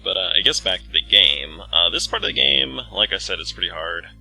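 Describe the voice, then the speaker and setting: Very deep, gravelly man doing game commentary. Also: big pitch swings, a little fast, sharp tone, faint music behind, low-quality recording. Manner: rambling, self-deprecating, mildly sweary. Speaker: let's play host. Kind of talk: casual video game commentary.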